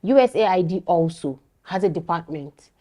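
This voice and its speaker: A woman's voice: lowish voice, lively intonation, normal speed, mellow. A woman guest on a talk show giving earnest advice, often checking that listeners understand. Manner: earnest, advising, asks "do you understand?". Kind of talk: casual studio chat.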